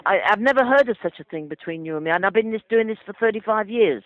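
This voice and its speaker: This older man, a travel agent on a phone call, has a high, animated voice and talks fast. The line is muffled and dry, and he sounds hesitant and flustered, full of fillers.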